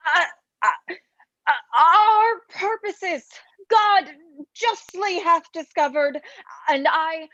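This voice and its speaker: A woman's voice: very high voice, slow, fairly bright tone, no room sound, full character voice. A woman playing a condemned, repentant noble, pleading theatrically in a Shakespearean stage style, with muffled sound. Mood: tearful repentance.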